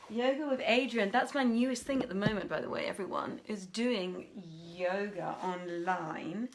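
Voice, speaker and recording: A woman hosts a live online reading as a casual livestream from a home room with a desk and piano. Her mid-range voice moves at a moderate pace over soft music and a noisy background. She chats, mutters to herself as she goes and comes across as apologetic.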